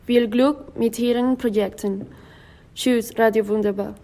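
Polite woman radio interviewer, high voice. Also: fairly even intonation, dark tone, a little hiss or hum. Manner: polite and brisk.

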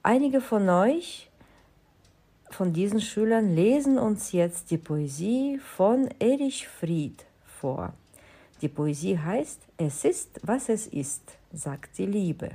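A woman teacher hosting a university podcast, speaking to her former students in an unhurried, affectionate way. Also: mid-range voice, breathy edge. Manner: unhurried and affectionate, with a lively melody. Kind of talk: slow, heartfelt radio address to students.

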